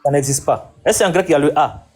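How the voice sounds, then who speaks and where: A man's voice: on the high side, fast talker, a little mellow, breathy edge. A man hosting a debate, insistently questioning his guest and repeating his points. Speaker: debate host. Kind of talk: live debate conversation.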